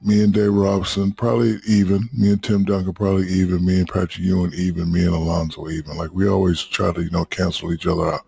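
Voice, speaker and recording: A man's voice: low voice, little pitch movement, fast talker, vocal fry, hardly any pauses, mellow, slightly rough. A man in his fifties, a podcast guest, telling rambling anecdotes in casual chat and swearing freely. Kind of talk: casual storytelling.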